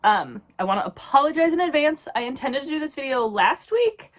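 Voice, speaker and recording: A woman's voice: high-pitched, sing-song, fairly quick. A woman in her thirties from New York, chatting casually about her picks with a nasal, stuffy voice from a head cold. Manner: chatty, rambling with many likes. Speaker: YouTube vlogger. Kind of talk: casual chat.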